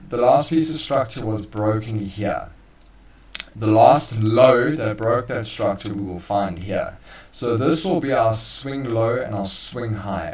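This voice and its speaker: A man co-hosting a live trading stream, casually walking listeners through chart analysis. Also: medium pitch. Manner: casual, laid-back, calls listeners bro. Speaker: trading co-host. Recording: roomy, far from the mic.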